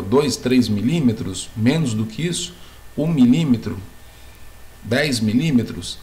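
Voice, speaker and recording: Speaking in a mid-range voice with a darkish tone, a man delivers a geography lesson on video. He builds the explanation step by step, checking in with the class and answering the questions he puts to them.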